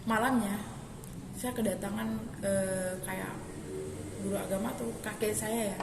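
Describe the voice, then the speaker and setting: A woman's voice: mid-range voice, fairly even intonation, a little slow, vocal fry. A young woman being interviewed, telling her story casually and rambling a little with restarts. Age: young adult. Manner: rambling, with many restarts and fillers. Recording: echoey hall with background noise.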